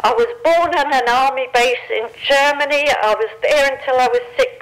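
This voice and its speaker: A woman's voice: high voice, normal speed. A woman voicing a sixty-year-old female competition winner calling in by phone, breathless and stammering. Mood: rambling. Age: 60s. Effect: phone line. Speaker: caller.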